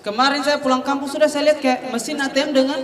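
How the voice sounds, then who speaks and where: A man from Wakatobi, doing a stand-up comedy routine with deadpan storytelling that builds to punchlines. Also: very high voice, quick pace. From Wakatobi, Southeast Sulawesi, Indonesia. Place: comedy stage before a live audience. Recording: roomy live venue, distant mic, audience laughter.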